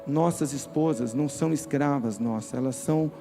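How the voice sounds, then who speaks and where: Brazilian male pastor, mellow tone, forceful direct preaching to the congregation. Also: medium pitch, normal speed, creaky, soft background music. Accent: Brazilian Portuguese. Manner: emphatic, direct, addresses listeners. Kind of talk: sermon. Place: church.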